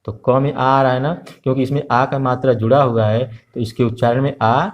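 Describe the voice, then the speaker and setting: A man teaching an online Hindi lesson to young children, slow and patient, repeating each letter and sound with many filler sounds. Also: mid-range voice, little pitch movement, lo-fi sound.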